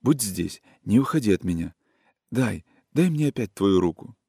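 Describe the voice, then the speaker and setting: A weak, dazed young man, lovesick and feverish, speaking faintly and haltingly, almost in a whisper, as a male reader does him. His voice is low and dry, close to the mic. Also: lively intonation, vocal fry, dark tone, husky, no echo, heavily acted.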